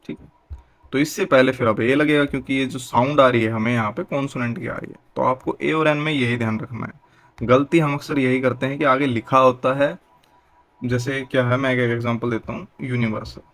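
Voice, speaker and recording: A man's voice: mid-range voice, steady tone, fairly quick, fairly bright tone. A young adult man teaching a grammar lesson, patient, asking questions and answering them himself.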